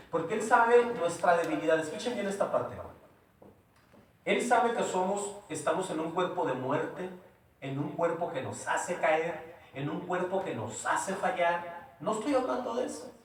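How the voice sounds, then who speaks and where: A man preaching a sermon in a church, emphatic and repetitive, often asking rhetorical questions. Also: high-pitched. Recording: very echoey room, voice from far off.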